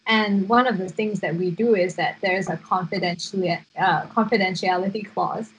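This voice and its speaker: Young woman, very breathy, earnest, lots of likes and rights, podcast co-host. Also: mid-range voice, fairly even intonation, moderate pace, poor audio. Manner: earnest, thinks aloud with many fillers. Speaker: podcast co-host, psychotherapy student. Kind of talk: casual chat.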